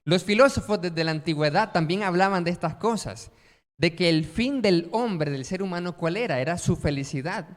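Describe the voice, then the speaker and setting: Man, pastor, high voice, sermon with acted-out quotes, long church reverb. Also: moderate pace. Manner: storytelling with quoted voices, rhetorical questions.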